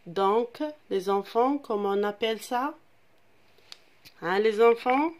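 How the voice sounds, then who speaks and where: A woman's voice: medium pitch, takes it slowly, darkish tone. A woman teaching a French grammar lesson to young children, speaking. She repeats key terms and explains them again in Arabic. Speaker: primary school French teacher.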